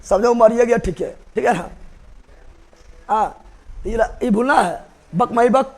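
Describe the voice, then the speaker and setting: A man with a bright, high voice teaches history in a classroom, speaking. He repeats each name and date several times and keeps quizzing his students. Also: unhurried. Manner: drills facts by repetition, quizzes students.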